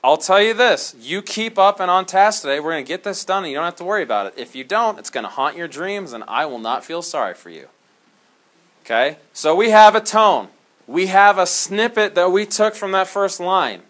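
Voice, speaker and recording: A male history teacher lecturing his class in a classroom. His voice sits a little high, and he talks in an animated, jokey way. He keeps slipping into dramatic storytelling. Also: normal speed.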